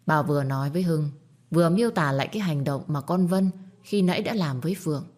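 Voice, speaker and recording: Low-voiced woman reading a story. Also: quick pace. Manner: steady, even storytelling. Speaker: narrator. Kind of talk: audiobook story narration.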